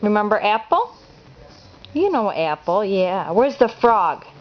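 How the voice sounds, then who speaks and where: A woman's voice: medium pitch, sing-song, slow, highs cut off. A woman quizzing a toddler in a home video, asking short questions and praising each answer. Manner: sing-song praising questions. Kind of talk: home video teaching session.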